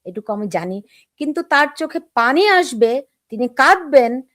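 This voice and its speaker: A woman's voice: sits high, sing-song, moderate pace, a bit bright, no room sound, clean studio sound. A woman from Bangladesh hosting a political talk show, asking probing, personal questions of her guest.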